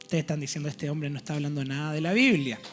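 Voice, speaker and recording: A man's voice: a little high, fast, fairly bright tone, faint music behind. A man preaching a teaching sermon in a church. He explains step by step and keeps checking in with his listeners.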